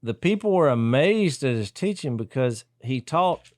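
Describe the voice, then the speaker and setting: A man's voice: mid-range voice, expressive, a little slow, no room sound. Man, casual co-host of a Bible discussion, thinks aloud, acts out quotes, dry studio sound. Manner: thinks aloud, acts out quoted lines with sudden loud jumps. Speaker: podcast co-host.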